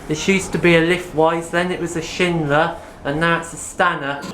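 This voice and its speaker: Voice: mid-range voice, fairly even intonation, normal speed, fairly bright tone. A person giving casual, matter-of-fact commentary on equipment in short factual remarks. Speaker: lift enthusiast filming tours. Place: inside lifts in a store. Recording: echoey, noisy lift interior.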